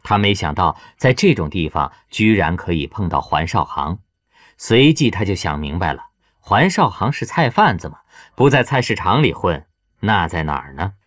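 A man reading an audiobook novel as its narrator, in a lively storytelling way. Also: low voice, normal speed, no room sound, clean studio sound. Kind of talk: scripted narration.

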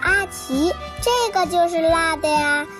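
A woman voicing a caring, sensible little girl who gently coaxes her friend, over children's music. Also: very high voice, unhurried, voice pushed up. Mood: coaxing.

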